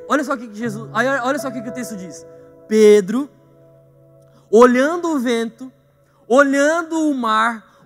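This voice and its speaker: High-voiced, animated Brazilian pastor. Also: male voice. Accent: Brazilian Portuguese. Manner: animated, asks the congregation questions often. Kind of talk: lively sermon. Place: church hall.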